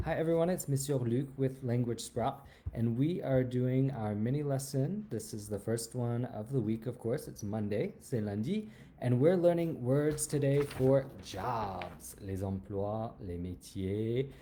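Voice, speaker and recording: A man teaching a children's French lesson, slowly repeating words and singing greetings. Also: mid-range voice, warm tone, slight background noise. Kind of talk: slow, sung and drilled language lesson.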